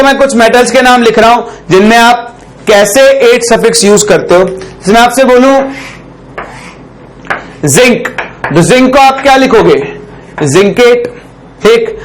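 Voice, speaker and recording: A male teacher explaining a chemistry rule, often asking the class a question and then answering it himself. He stops to dictate phrases slowly for note-taking and keeps checking in with a short "okay". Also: very high voice, low-quality recording. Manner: dictates slowly while writing on a board; ends phrases with a checking "ठीक". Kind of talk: chemistry lesson.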